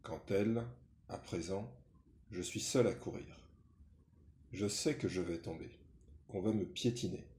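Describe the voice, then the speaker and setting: Man, memoir reading, measured, sober, lowish voice, roomy echo. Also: dark tone, a little hiss or hum. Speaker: reader.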